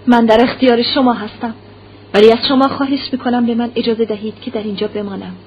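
A woman's voice: on the high side, steady tone, natural voice. Brief: distraught young officer, read by a woman in her own voice, earnest pleading, lo-fi audio. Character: distraught young male officer, grief-stricken. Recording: muffled lo-fi recording, faint hiss.

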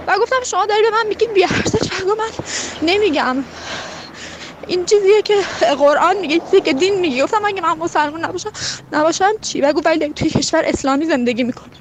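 Very high-voiced indignant young woman. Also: slight background noise. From Khuzestan, Iran. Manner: heated, indignant retelling. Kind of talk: personal testimony.

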